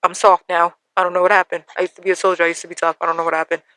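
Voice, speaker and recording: A woman in her thirties hosting a podcast, telling a personal story in an emotional, halting way with many fillers and small laughs. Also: lowish voice, level tone, bright, forceful tone, dry recording, poor audio. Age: 30s. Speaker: podcast host.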